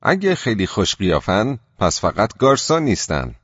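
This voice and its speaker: A man's voice: lowish voice, sing-song, slightly rough, no echo, dull audio, voice pushed up. A man doing a jaunty lordly older gent. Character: cheerful pompous older man, thinks himself English.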